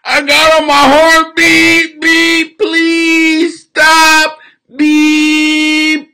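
A man in his forties ranting loudly on a live stream from a small room at home, recorded by a webcam at his desk, crude, laughing, swinging from shouting to mumbling. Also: very high voice, completely flat delivery, extremely slow. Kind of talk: rambling live-stream comedy rant.

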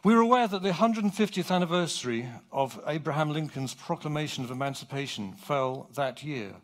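A middle-aged man from England, giving a public lecture from his script on a theatre stage. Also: on the high side. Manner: animated, clear and measured.

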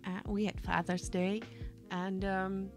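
A woman co-hosting a casual reaction video with her son, chatty and earnest, often pausing on fillers. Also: medium pitch, little pitch movement, soft background music. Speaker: co-host, the host's mother.

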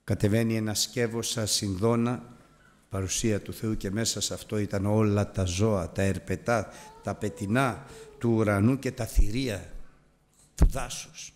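Man, preacher, sermon, loud high outbursts, hushed prayerful asides. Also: steady tone.

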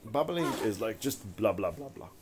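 A man's voice: on the low side, animated, normal speed, very noisy. A man vlogging in a casual, playful way, teasing and joking with a child indoors. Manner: teasing and joking, laughs often. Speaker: YouTube vlogger filming with a child. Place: indoors in a messy room.

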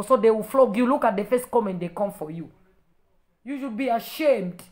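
A woman's voice: a little high, darkish tone. Fiery woman preacher scolding, roomy echo. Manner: repeats and stumbles in heated bursts. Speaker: preacher and ministry leader. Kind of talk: livestream preaching rebuke to commenters.

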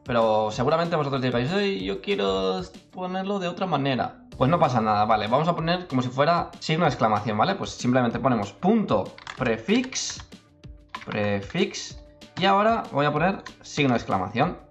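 A man's voice: medium pitch, animated, fairly quick. Chatty man with faint music. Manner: chatty, self-interrupting, many "¿vale?". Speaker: tutorial youtuber. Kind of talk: casual screen-recorded tutorial.

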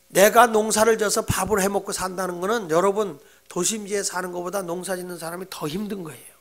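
Animated male pastor preaching a sermon. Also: high-pitched. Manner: animated storytelling with humorous anecdotes; direct, conversational address to the congregation.

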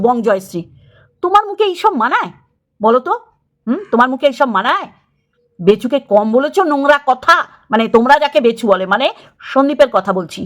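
A woman's voice: high voice, a bit bright. Scolding middle-aged woman. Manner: scolding, confrontational, repeats phrases. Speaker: YouTube creator. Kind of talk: angry rant to camera.

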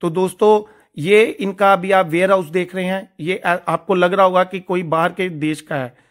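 In a casual factory-tour vlog, a gun shop vlogger narrates with enthusiasm, treating his viewers as friends. His high voice holds a steady tone at a normal pace.

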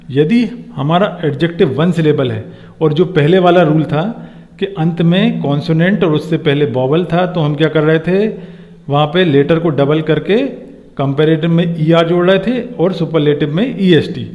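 A man with a fairly high voice teaches a grammar lesson, asking rhetorical questions and slowing down to spell out letters. The sound is dull and lo-fi, with a long reverb trailing each phrase. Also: a little mellow.

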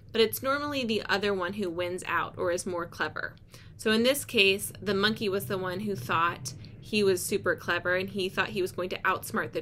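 A woman's voice: mid-range voice, pushed and bright. A young adult woman, a teacher, explaining and reading a picture book aloud to children in a small room. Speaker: elementary school teacher. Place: small indoor room with block walls. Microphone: device microphone at arm's length. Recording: clear room noise, device microphone.

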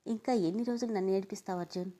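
A woman doing a wounded but fiery young woman, throwing out indignant questions one after another. Her voice is soft and mellow, read as a storybook heroine. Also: medium pitch, racing, natural voice. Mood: pleading.

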